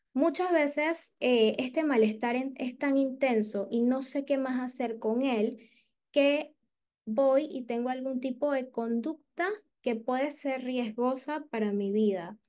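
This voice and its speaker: Woman therapist teaching a class, kinda high voice, says eh a lot, explains things patiently. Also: warm tone. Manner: explanatory, acts out patients' inner voice in first person; frequent "eh" fillers. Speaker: clinical psychologist teaching a session. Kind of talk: clinical lecture.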